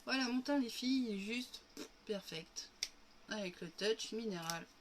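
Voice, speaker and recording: A woman with a somewhat high voice speaks at a measured pace over very noisy audio. Still getting over an illness and coughing now and then, she hosts a casual makeup tutorial livestream from home. She chats away, shows each step, and calls her viewers "girls."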